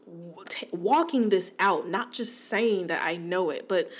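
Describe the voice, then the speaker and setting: A woman's voice: fairly low pitch, measured pace, slightly rough. A woman in her forties hosting a podcast in a casual, chatty monologue, laughing often and talking straight to her listeners. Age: 40s. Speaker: podcast host.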